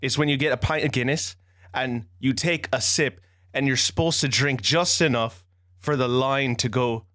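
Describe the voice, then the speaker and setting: A man's voice: mid-range voice, normal speed, a bit bright, dry recording, clean studio sound. A man joining a casual podcast chat, explaining things in an easygoing way and reading search results aloud.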